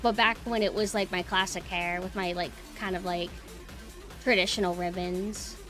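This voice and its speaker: A female streamer, also a VTuber host, chats casually on a live stream, speaking informally and thinking out loud, with background music behind her. Her voice is lowish and steady, fairly bright, at a moderate pace.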